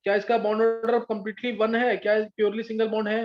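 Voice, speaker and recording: A man's voice: sits high, level tone, fairly quick. A man teaching chemistry in a live class, patiently explaining step by step and often checking whether his students follow. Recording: dull lo-fi sound.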